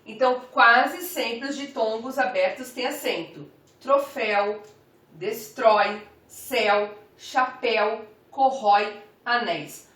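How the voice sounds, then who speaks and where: Slow, careful woman teacher. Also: fairly high pitch, fairly bright tone. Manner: slow, careful, spells out each example word. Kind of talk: grammar lesson. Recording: roomy, from some distance off the mic.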